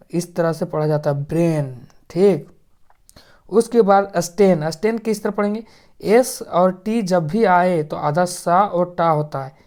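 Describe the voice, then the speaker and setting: A man's voice: high voice, darkish tone. A man teaching English pronunciation, patiently repeating each step and checking in often. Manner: patient, repetitive drilling with frequent checks. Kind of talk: pronunciation lesson for Hindi speakers.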